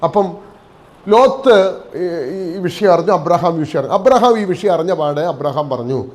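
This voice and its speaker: A man's voice: fairly high pitch, animated, moderate pace, a little mellow. A man from Kerala preaching a church sermon, throwing out questions and answering them himself, with bursts of praise. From Kerala, India. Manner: call-and-response questions answered himself, interjecting praise the Lord and hallelujah. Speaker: pastor.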